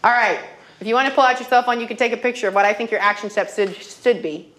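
A woman's voice: on the high side, fast talker, a bit bright. A woman in her thirties teaching a classroom money workshop, telling stories and checking in with "okay?" again and again. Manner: storytelling, checks in with frequent "okay?". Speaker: financial literacy trainer.

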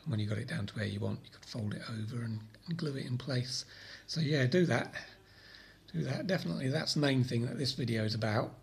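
A man with a croaky voice from a cold, casually explaining a fix in a hobby vlog, rambling with frequent ums and repeated words. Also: mid-range voice, fairly quick. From Britain. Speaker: drone hobby channel host.

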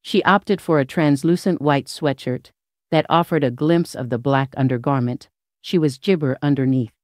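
A woman's voice: extremely low pitch, normal speed, darkish tone, dry recording. Woman reading celebrity news, dry sound. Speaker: news narrator. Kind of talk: scripted celebrity news narration.

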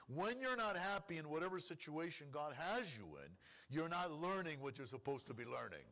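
A man's voice: a little high, animated, brisk, pushed and bright. A man, a rabbi, preaching a sermon to a congregation, asking rhetorical questions, calling for responses and acting out pleading complaints. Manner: acts out complaining prayers in a pleading voice. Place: congregation hall.

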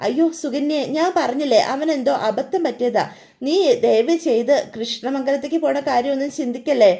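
A woman's voice: sits high, fairly quick, creaky, mellow. Woman playing an anxious pleading mother.

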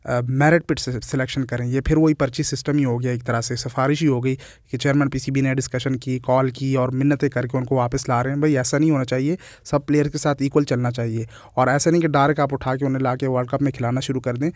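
A man's voice: medium pitch, little pitch movement, fast, hardly any pauses, a little mellow, dry recording, studio quality. A man with a Pakistani Urdu accent giving opinionated cricket commentary in a channel vlog, talking in short listed phrases with English words mixed in.

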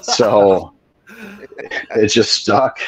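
A man's voice: fairly low pitch, extremely slow, slightly rough. A man in his forties, born in Venezuela and raised in Florida, telling his story as a guest on a casual video call, laid-back and swearing freely. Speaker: guest drummer. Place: home room with ceiling fan. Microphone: video call webcam. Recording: dull lo-fi video call audio.

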